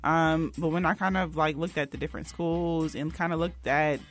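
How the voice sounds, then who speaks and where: A woman's voice: sits low, fairly even intonation, moderate pace, soft background music. A young adult woman, a PR consultant, speaking as a guest in a casual interview in a loose, conversational way. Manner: loose and conversational, many fillers and restarts.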